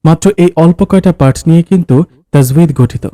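A man reads a story aloud, voicing a husband who patiently explains things the way a teacher would. His voice is a little high and mellow, and he talks fast. The scripted narration of dialogue was recorded close up in a dry booth with no room sound.

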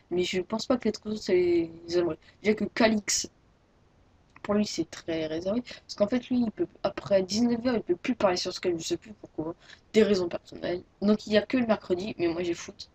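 A teenage girl chats through a casual gaming announcement in a husky, breathy voice. She rambles, restarts her sentences and fills gaps with hesitations. The sound is dry and close, with no room around it. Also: mid-range voice, a little mellow, dry recording. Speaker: Minecraft YouTuber.

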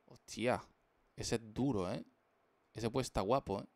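A young man from rambles playfully to his viewers during a live drawing stream. His voice is rough and gravelly, sitting at a middle pitch. The sound is close and dry, with no room echo. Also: unhurried, a little mellow. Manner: playful, slangy, jokey rambling. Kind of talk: casual live-stream chat while drawing.

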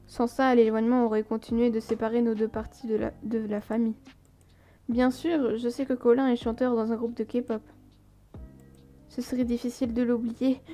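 Woman, gaming streamer, reads a story game aloud. Highish, mellow voice, chatty asides, faint music behind.

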